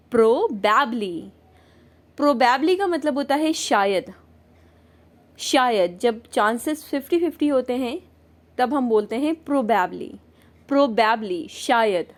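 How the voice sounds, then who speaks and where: A woman teaching English vocabulary in Hindi with an Indian accent, patiently repeating each word and its meaning. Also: fairly high pitch. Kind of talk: slow vocabulary lesson with repetition.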